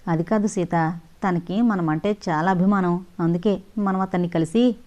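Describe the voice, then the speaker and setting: A woman's voice: lowish voice, moderate pace, a little mellow, muffled recording, lightly acted. A woman voicing a compassionate young woman who talks in an earnest, pleading way, in an audio novel. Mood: earnest, indignant.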